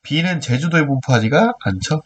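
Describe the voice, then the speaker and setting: A man's voice: fairly high pitch, expressive, moderate pace, husky. A man with a nasal, stuffy-nosed voice teaching a video lesson, explaining problems step by step in an informal way with rhetorical questions. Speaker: earth science teacher.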